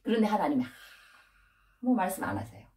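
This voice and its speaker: A woman preacher delivering a lively sermon, acting out scolding dialogue as she talks to her congregation. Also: mid-range voice, quick pace, far from the mic. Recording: echoey room, voice from off the mic.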